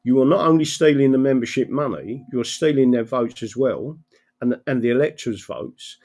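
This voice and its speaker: A man's voice: mid-range voice, moderate pace, darkish tone. A man talking off the cuff to his viewers as a livestream host, rambling and emphatic, often checking he is followed with a tagged question.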